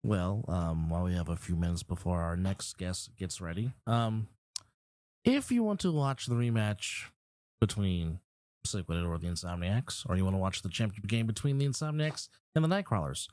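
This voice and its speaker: Man, co-host, lowish voice, upbeat, promotional, dry sound. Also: animated, normal speed, a little mellow, no room sound. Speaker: podcast co-host. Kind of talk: casual podcast talk.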